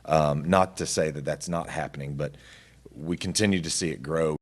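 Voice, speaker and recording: A man speaking as a city official at a meeting, halting and repeating his words. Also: extremely low pitch, fairly even intonation. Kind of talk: hesitant spontaneous meeting remarks.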